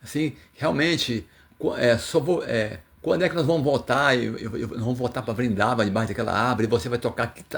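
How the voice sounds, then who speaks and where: A man's voice: mid-range voice, vocal fry. A Brazilian man giving a religious talk on scripture, telling the stories in his own casual words and acting out what the figures say, with many fillers and restarts. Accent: Brazilian Portuguese. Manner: storytelling with acted quotes, many fillers and restarts. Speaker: religious teacher. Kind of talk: scripture reading commentary.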